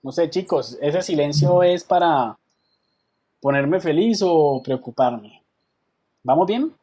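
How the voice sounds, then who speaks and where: Patient male software teacher. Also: a little high, lively intonation, takes it slowly, slightly rough. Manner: patient step-by-step explaining, checks in with students. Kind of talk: online software class.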